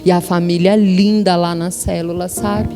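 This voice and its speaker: Animated Brazilian woman preaching in a hall. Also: fairly low pitch, normal speed. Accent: Brazilian Portuguese. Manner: animated storytelling, acting out dialogue. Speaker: pastor's wife preaching. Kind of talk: testimony sermon. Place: church hall with worship music behind. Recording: long hall reverb, music underneath.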